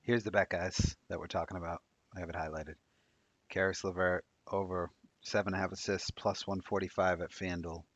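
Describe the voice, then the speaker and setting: Deep-voiced man reading betting odds. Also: level tone, dry recording. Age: 30s. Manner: quick, chatty, reads odds off a screen. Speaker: sports betting show co-host. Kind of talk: casual live-stream chat. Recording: dry, dull lo-fi mic.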